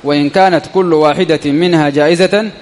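A man with a high-pitched voice teaches a classical grammar text, reading a line and then unpacking it. He often repeats a phrase slowly so it sinks in. His voice rings out with a long reverb, as in a large hall. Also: steady tone, darkish tone. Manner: repeats words and phrases slowly to drill them.

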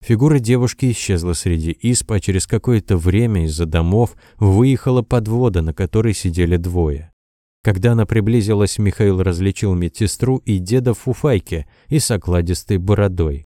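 A man reading a war audiobook as its narrator in steady scripted narration. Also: low-pitched, moderate pace, dry recording, studio quality. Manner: steady, even storytelling.

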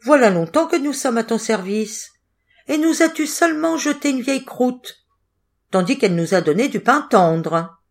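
A woman's voice: a little high, animated, moderate pace, voice pushed up. A woman voicing complaining starved dogs. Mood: resentful. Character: two starving resentful guard dogs.

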